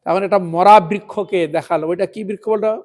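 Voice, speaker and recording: High-voiced man preaching. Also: fairly even intonation, darkish tone. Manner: repetitive chanting of words, rhetorical questions, slows to intone verses. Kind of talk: devotional sermon.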